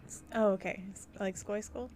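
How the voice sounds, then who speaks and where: A woman co-hosting a gaming livestream, chatting casually and warmly welcoming viewers. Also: medium pitch, steady tone, moderate pace, slight background noise. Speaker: streamer co-host.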